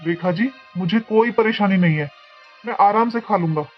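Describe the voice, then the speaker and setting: A man playing a calm older father-in-law who reasons gently and lectures his wife. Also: high voice, moderate pace, muffled recording, soft background music.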